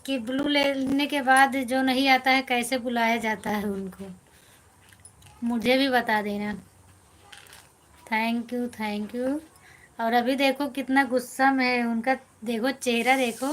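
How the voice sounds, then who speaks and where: A fairly high-voiced woman with an Awadhi accent hosts a casual live stream. She talks in a chatty, friendly way, reading viewers' comments aloud and teasing them as she answers. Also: steady tone, slow pace, a bit bright, slight background noise.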